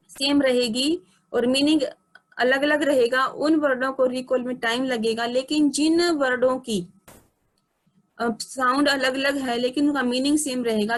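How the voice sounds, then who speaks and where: A woman with a fairly high voice gives a lesson. She talks slowly and deliberately, listing one example after another so each point lands. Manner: slow, deliberate explaining with lists of examples. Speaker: teacher. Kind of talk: explanatory lecture.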